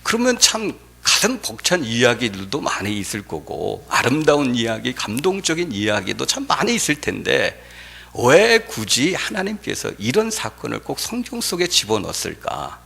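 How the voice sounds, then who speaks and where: A man's voice: medium pitch, huge pitch swings, moderate pace, vocal fry, bright, forceful tone, breathy edge. A man pastor preaching a sermon, telling stories with emphatic rises and frequent filler sounds.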